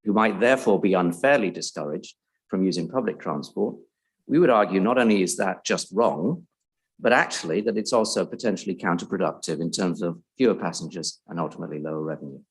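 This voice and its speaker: Low, husky man giving a formal speech. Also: low-quality recording. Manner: measured and formal. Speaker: event speaker introducing a report. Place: public event venue.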